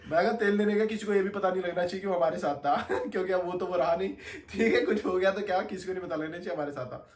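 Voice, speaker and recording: A young man telling a story in casual, slangy chat, animated and laughing as he goes. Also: sits high, quick pace, few pauses, distant mic. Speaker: podcast guest storyteller. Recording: echoey room, faint ambience.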